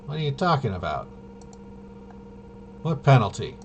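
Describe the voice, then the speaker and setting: With big pitch swings at a normal speed, a medium-pitched man talks through a tabletop game demo he's running. He thinks aloud in casual commentary, muttering and questioning himself in puzzlement. The background is clearly noisy.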